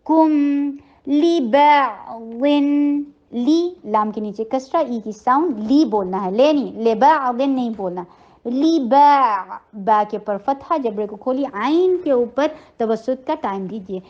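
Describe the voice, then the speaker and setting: A woman teaching Quran recitation, slowly drawing out the verses between patient, encouraging explanations. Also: fairly high pitch, expressive, muffled recording. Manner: slow drawn-out recitation between patient spoken instructions; gentle, encouraging. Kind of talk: tajweed lesson, recitation with explanation.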